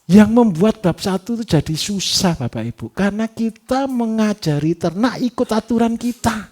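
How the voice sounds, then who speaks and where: A man giving a livestock farming workshop, lively and teasing, who keeps asking his audience rhetorical questions. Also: sits high, normal speed. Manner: animated, repetitive, teasing.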